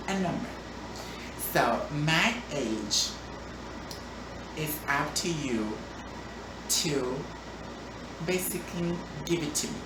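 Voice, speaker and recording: A woman vlogging, answering viewer questions in a chatty, playful way with frequent ums and restarts. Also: extremely low pitch. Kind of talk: casual Q&A vlog. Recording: echoey room, distant mic, background noise.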